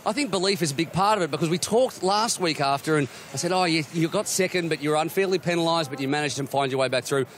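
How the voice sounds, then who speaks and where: A male host chats with athletes in a fast, joking, informal manner. His voice sits a little high, and faint outdoor ambience is heard behind him. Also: slight background noise. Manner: jokey, quick, informal. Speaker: host and interviewer. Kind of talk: live post-race interview. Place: outdoors at a race venue.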